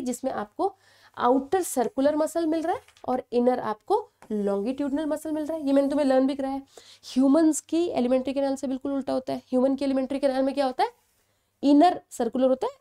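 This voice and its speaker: A young woman delivers an exam-prep biology lecture in a fairly high, mellow voice. She explains step by step, poses questions to her students and checks in with them often. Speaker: biology teacher.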